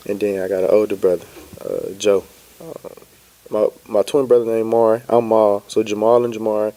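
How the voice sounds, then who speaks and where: A young man from Florida, a podcast guest telling his story in an easygoing, relaxed way. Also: lowish voice, moderate pace. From Pensacola, Florida. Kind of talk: casual interview chat.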